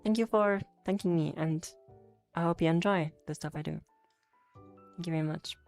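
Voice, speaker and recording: Speaking at normal speed in a lowish, darkish voice, this young VTuber streamer is a native Polish speaker whose English accent mixes American and British. She chats casually and reads chat aloud on her livestream, rambling, restarting and self-correcting with plenty of fillers, and laughs easily. There's faint music in the background.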